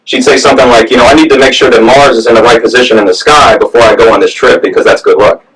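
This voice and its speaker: A man from the American South doing a stand-up set, telling stories in a deadpan way. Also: mid-range voice, fast. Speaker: stand-up comic. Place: comedy club stage with audience. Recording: distant mic, loud crowd.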